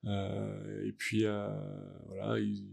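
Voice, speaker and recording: A young adult French man, a guest athlete in a casual interview, talking in a halting, reflective way as he searches for words. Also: on the low side, completely flat delivery, creaky, darkish tone. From France. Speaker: guest, wheelchair rugby athlete.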